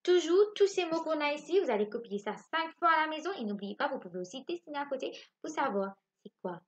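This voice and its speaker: A woman teaching a phonics lesson to young children from home. She spells out letters slowly and keeps asking the class if they follow. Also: high-pitched, animated, lo-fi sound. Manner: slow, spelling out letters and asking checking questions. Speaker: primary school teacher.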